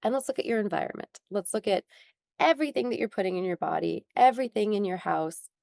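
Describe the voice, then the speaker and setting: Talking fast with lively intonation, a young woman who runs a skincare company tells an interviewer her personal story. Her mid-range voice is creaky and a little mellow, recorded without echo. She's earnest, uses many ums, and at points sounds almost tearful.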